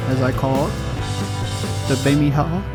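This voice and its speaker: A man's voice: mid-range voice, steady tone, normal speed, loud music behind the voice. A man talking casually and rambling to viewers from inside a helmet while riding a motorcycle, picked up by a helmet microphone. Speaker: motorcycle vlogger. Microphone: helmet headset microphone.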